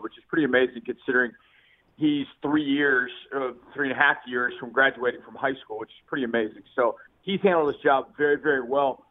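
Male sports reporter phoning in over Bluetooth, lo-fi and tinny, easygoing storyteller. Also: mid-range voice. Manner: chatty, easygoing storyteller who laughs often. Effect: phone call over a Bluetooth line that cuts in and out. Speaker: sports reporter calling in as guest. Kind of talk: casual sports radio chat by phone. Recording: tinny lo-fi phone line.

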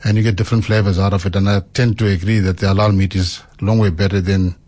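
A man's voice: sits low, fairly even intonation, fast, a little mellow. Guy, restaurant owner chatting on radio, explains stuff plainly. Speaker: restaurant co-owner, interview guest. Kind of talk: informal radio interview.

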